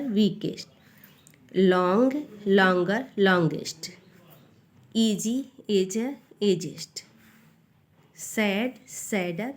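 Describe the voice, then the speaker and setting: Female teacher quizzing herself aloud. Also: fairly high pitch. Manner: explains step by step, asks and answers her own questions. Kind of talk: grammar lesson to students.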